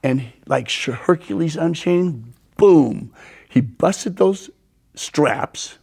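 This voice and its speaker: An older man as a guest, telling animated stories and acting out the quotes. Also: a little high, takes it slowly, gravelly, slightly rough. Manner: animated storyteller, acts out quotes. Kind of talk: storytelling in a conversation.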